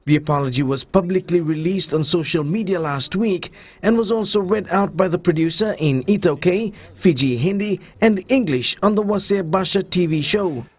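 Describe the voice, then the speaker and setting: A male news reporter delivers scripted narration. His voice is distinctly high-pitched for a man. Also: normal speed, a little mellow.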